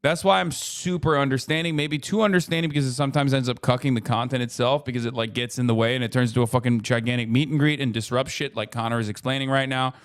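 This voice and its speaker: A man's voice: mid-range voice, steady tone, quick pace, few pauses, clean tone. A man in his thirties, a streamer talking casually and profanely in a rambling way while reacting to a video. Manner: profane, rambling, frequent "you know what I mean".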